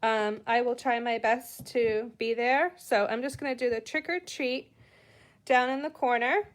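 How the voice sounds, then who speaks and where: A woman's voice: fairly high pitch, measured pace. A middle-aged woman with a Boston accent, chatting through a live card-making tutorial and greeting viewers as she works.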